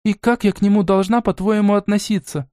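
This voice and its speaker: In this audiobook, a spoiled young noble girl voiced by a man speaks in a high, shrill tone, full of scorn and demands. The sound is dry and close, with no room behind it. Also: steady tone, brisk, mellow, no room sound, lightly acted. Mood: scornful.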